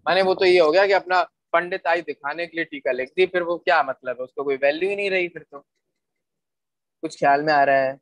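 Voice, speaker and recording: A man's voice: a little high, a little fast, fairly bright tone, dry recording. A man teaching scripture in a patient, explanatory lecture, often asking listeners rhetorical questions and repeating points for emphasis. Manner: rhetorical questions to listeners, checks they follow.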